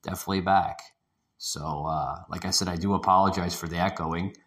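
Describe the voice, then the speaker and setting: Man, very low voice, echoing room sound, podcast host, rambling, repeats himself, casual swearing. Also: steady tone, fairly quick, fairly bright tone. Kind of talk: casual ranting podcast monologue. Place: echoey room not normally used for podcasting. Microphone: home podcast setup over internet connection.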